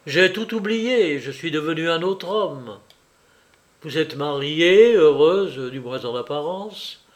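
A male reader voicing a troubled young man who answers in hurried, jerky, bitter phrases, in a spoken novel reading. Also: on the high side, lively intonation.

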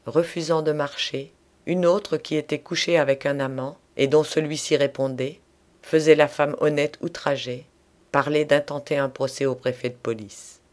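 A man's voice: fairly high pitch, fairly even intonation, normal speed. Man reading a classic novel aloud. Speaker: audiobook narrator. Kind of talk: literary audiobook narration.

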